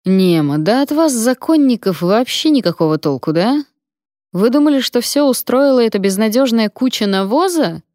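A woman's voice: fairly high pitch, animated, normal speed, dark tone, dry recording, studio quality, pitched above the performer's own voice, close to an everyday voice. A woman voicing a menacing, short-tempered male gang boss who barks and mocks in an audiobook. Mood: scornful. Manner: barking, mocking. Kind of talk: audiobook character reading.

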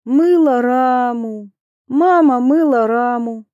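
A woman's voice: a little high, takes it slowly, warm tone, no echo, muffled recording. A woman reading the lines of a childlike, strange young woman in an audiobook, in a naive singsong way. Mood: childish.

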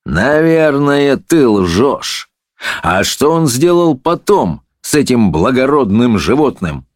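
A man voicing a blustering, pompous judge who roars and drags out his insults in a high, strained voice. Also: sing-song, no room sound, studio quality. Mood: bullying. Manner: roaring, bullying, drawn-out shouts.

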